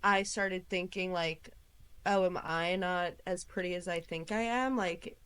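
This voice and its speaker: Twenty-something woman rambling in a podcast chat, kinda low voice, lots of likes. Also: measured pace, a bit bright, clean tone. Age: 20s. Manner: chatty, many fillers, quoting herself. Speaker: podcast guest. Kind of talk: casual interview chat.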